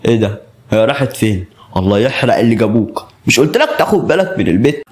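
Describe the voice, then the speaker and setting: A man's voice: mid-range voice, sing-song, quick pace, a little mellow, lightly acted. A man with an Egyptian accent voicing a mocking, sleazy young street harasser. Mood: leering.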